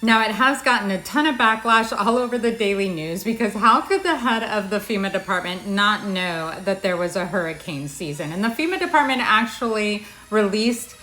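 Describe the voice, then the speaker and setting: Satirical news host for an anchor parody: American woman, mid-pitched voice, wry and conversational, roomy echo. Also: expressive, moderate pace, hardly any pauses, sharp tone. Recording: echoey, roomy sound.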